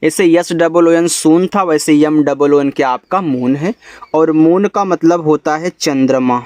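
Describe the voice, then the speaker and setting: Guy teaching english spelling, a bit high voice, dry close sound. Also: darkish tone, no room sound. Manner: spells out letters slowly, then explains in Hindi. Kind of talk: spelling lesson.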